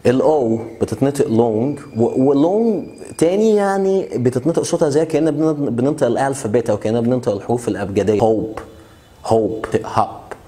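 A man with an Egyptian Arabic accent giving a casual pronunciation lesson, repeating example words slowly and checking in with the learner. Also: mid-range voice, animated, mellow. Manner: chatty, asks learners questions. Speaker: English teacher.

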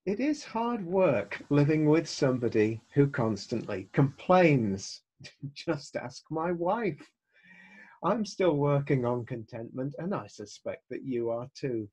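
Middle-aged pastor guy giving a lockdown sermon, slow and kinda husky, earnest with dry little jokes. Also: on the high side, darkish tone, poor audio. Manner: earnest, with wry asides.

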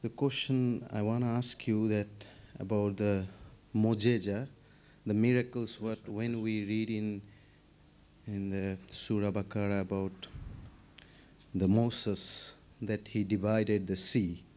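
Halting young man. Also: on the low side, little pitch movement, mellow. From Bangladesh. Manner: halting, hesitant, many restarts. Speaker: audience member asking a question. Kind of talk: question at a public Q&A. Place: large indoor hall with seated audience. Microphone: standing microphone.

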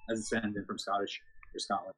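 A young man in a casual, laughing banter session with his gaming friends, prone to loud teasing outbursts. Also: lowish voice, flat delivery, fast talker, breathy edge. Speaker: gaming group member.

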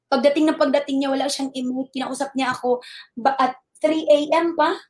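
A woman's voice: high voice, fairly quick. A middle-aged woman telling her own story as a testimony, politely and with animation, acting out what others said. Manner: animated retelling that acts out quoted dialogue; polite, uses respectful particles. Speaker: network marketing member giving a testimony. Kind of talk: personal storytelling.

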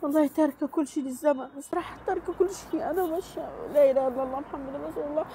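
A woman's voice: high-pitched, rapid-fire, dark tone, slight background noise. A woman, crying and pleading as she vents on a phone livestream, repeating herself. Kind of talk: emotional livestream venting.

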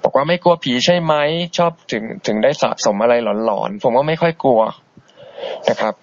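A man's voice: expressive, moderate pace, no room sound. Chill guy hosting web radio, polite and chatty, dry close mic, kinda muffled boxy stream sound. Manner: easygoing and polite, chatty, soft-spoken asides. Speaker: internet radio host. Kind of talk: casual radio chat reading listener messages. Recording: dull, boxy low-bitrate internet radio stream.

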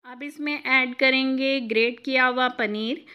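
Female cooking host, fairly high and crisp, instructive recipe voice-over. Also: steady tone, a little slow, muffled recording. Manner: clear step-by-step instructive.

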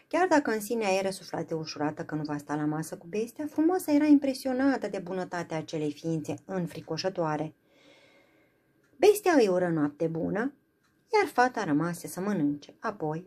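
A woman's voice: on the low side, mellow. A woman reading a fairy tale aloud, narrating expressively. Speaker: storyteller.

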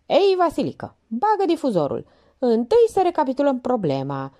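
Woman reading as a bossy storybook policewoman, loud and scolding, high and animated. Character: bossy sharp-tongued woman police officer.

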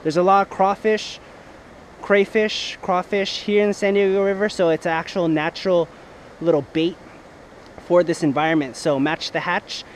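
A young man with a high, steady voice at a moderate pace vlogs casually while fishing from the rocks of a river. Wearing a head-mounted action camera, he explains his gear and whoops as he lands a fish, with a slight hiss or hum on the audio.

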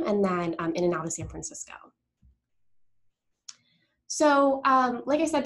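A woman hosting an online community meetup, presenting informally and upbeat over a video call. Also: mid-range voice. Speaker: developer marketing presenter, call host. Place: indoors, remote video call.

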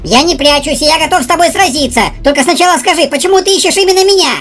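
Woman as a cocky, high-pitched bully husky. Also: rapid-fire, soft background music. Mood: defiant. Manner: mocking, slangy, bossy. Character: cocky bullying male talking husky dog, sneering.

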